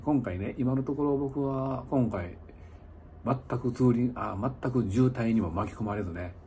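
A man's voice: on the low side, warm tone. A middle-aged man with a Kansai accent, slightly tipsy, chatting in a rambling, casual way to viewers like a livestreamer. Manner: rambling, chuckling, conversational asides. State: slightly tipsy after an hour of drinking. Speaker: motorcycle touring vlogger. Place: small indoor lodging room. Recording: noticeable background room noise.

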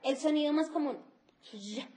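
A woman's voice: high voice, moderate pace, background noise. A middle-aged woman, teaching an English phonetics class on TV and explaining sounds step by step, mixing in English. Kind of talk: televised class lecture.

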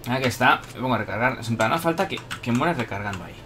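Excitable young Spanish gamer, lively voice. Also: male voice, mid-range voice, racing, noisy background. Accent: Spain Spanish. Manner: excitable, bursts into shouts and playful taunts at opponents. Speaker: gaming commentator. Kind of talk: live gameplay commentary. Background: electronic background music.

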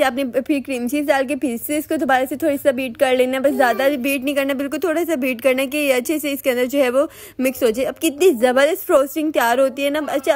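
A young Pakistani woman with an Urdu accent, a home baker giving a chatty, instructive cooking tutorial voice-over. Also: high voice. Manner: chatty, instructive, repeats "ठीक है".

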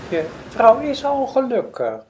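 A woman's voice: a little high, huge pitch swings, unhurried, dark tone, voice pushed up. Curt magic fish in a storybook, short clipped answers, voiced by a woman narrator.

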